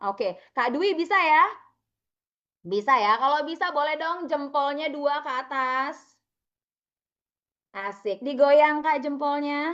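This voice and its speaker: An online trainer, a young woman with a high, slightly bright voice, coaches participants during a live video-call session. She's upbeat and chatty and calls on people by name, and the audio has its highs cut off.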